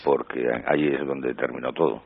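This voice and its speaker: Man, guest over the phone, measured explainer, husky, gravelly. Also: a bass voice, fairly even intonation, phone-quality sound. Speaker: radio guest, researcher.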